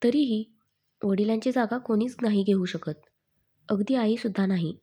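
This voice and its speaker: Gentle motherly older woman, as a woman reads her. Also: medium pitch, moderate pace, breathy edge, close to an everyday voice. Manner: gentle, caring.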